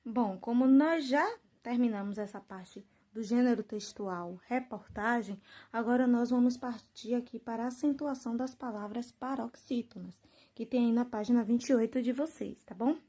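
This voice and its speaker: A woman teacher, giving a lesson to children, drawing out example words slowly and often checking that they follow. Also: on the high side, warm tone. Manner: slow drawn-out stress on example words, frequent "né?" and "tá bom?" checks.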